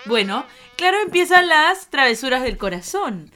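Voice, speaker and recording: A woman's voice: high voice, very animated, pushed and bright, soft background music. A woman co-hosting a podcast in casual chat, bubbly and joking. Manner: bubbly, joking, quick to tease. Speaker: podcast co-host.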